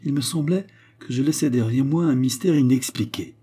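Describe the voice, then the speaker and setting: A man narrating a classic novel as an audiobook, in a measured, even storytelling manner. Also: medium pitch, slightly rough.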